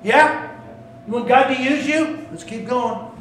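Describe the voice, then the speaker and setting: A male pastor preaching a sermon, animated and swinging between loud calls and hushed asides, recorded in a church sanctuary. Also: very high voice, unhurried, slight background noise. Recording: echoey room, mic at a distance.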